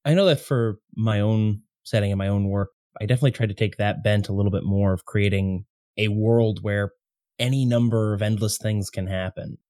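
Male podcast host, lowish voice, dry close sound, eager casual chat. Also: steady tone, brisk, mellow, no echo.

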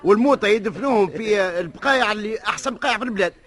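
A man's voice: high voice, rapid-fire, a bit bright. An actor playing an old man's chatty companion, with a Tunisian Arabic accent, in a 1950s radio drama.

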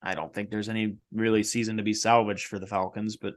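A man's voice: fairly low pitch, level tone, fast talker. A young man co-hosting a sports podcast, talking casually and joking, often trailing off into fillers. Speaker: podcast co-host.

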